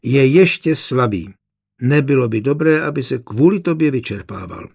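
A cold, unforgiving older mother who keeps her son at arm's length, put on by a male audiobook narrator. Her voice has a gravelly rasp and a husky edge. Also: medium pitch, animated, darkish tone. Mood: cold, stern. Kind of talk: audiobook character reading.

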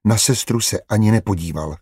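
A man narrating an audiobook in a steady, even storytelling manner. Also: lowish voice, breathy edge, no room sound, clean studio sound.

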